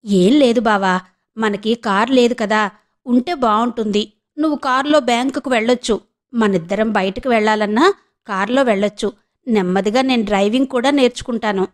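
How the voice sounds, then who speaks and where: Push hard as a narrator doing a fiery, demanding young wife, with a high-sitting voice. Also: female voice, normal speed, lightly acted. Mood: coaxing. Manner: scolding, demanding. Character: hot-tempered young wife.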